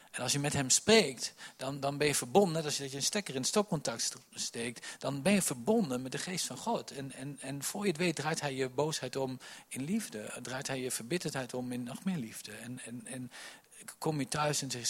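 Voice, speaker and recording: A man preaching a sermon, telling Bible stories with many restarts, dropping to soft asides and rising to loud emphasis. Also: medium pitch, breathy edge.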